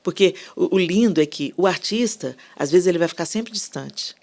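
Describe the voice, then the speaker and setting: A woman speaking as a podcast guest, talking about faith in an animated, conversational way and often checking in with her listeners. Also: fairly low pitch, normal speed. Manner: animated, repetitive, asks listeners "né?" and "entendeu?". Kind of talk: casual faith talk on a podcast.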